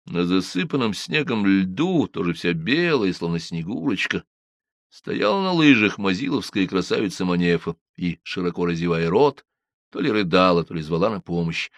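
Expressive male audiobook narrator. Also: deep voice, normal speed, no echo, clean studio sound. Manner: expressive storytelling. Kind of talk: scripted narration.

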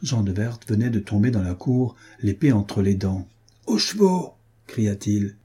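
A man reading a historical adventure novel aloud in a steady, measured narration. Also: on the low side, slightly rough. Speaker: audiobook reader. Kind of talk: scripted narration.

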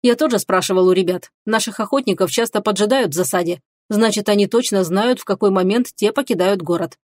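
A woman voicing a stern, devoted male warrior who speaks seriously and in a measured way. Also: medium pitch, dry recording, clean studio sound, close to an everyday voice.

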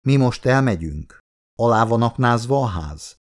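A man's voice: medium pitch, expressive, close to an everyday voice. A man reading the lines of a tough commando colonel who barks curt orders. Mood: commanding.

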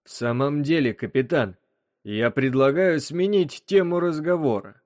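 A man's voice: fairly high pitch, measured pace, a little mellow, no room sound, clean studio sound, voice pushed up, lightly acted. A man doing a polite talking alien pig. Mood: dignified. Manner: courteous, dignified.

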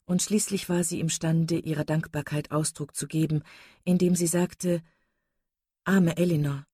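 A woman narrating an audiobook in a measured, steady reading voice, close to the mic. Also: sits low, slightly rough, no room sound. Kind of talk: scripted narration.

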